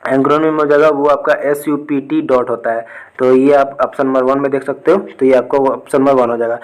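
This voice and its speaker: A man's voice: on the high side, rough recording. A young man tutoring students through exam answers in a casual lesson, checking in with "okay" after nearly every point. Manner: repeats "ठीक है" often, talks students through answers.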